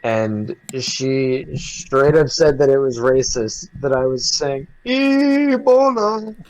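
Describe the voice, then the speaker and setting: Young dude on a podcast, rambly storyteller, swears a bunch, keeps restarting. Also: male voice, medium pitch, steady tone, slow pace, darkish tone, dry recording, low-quality recording. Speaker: podcast co-host. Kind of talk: casual chat.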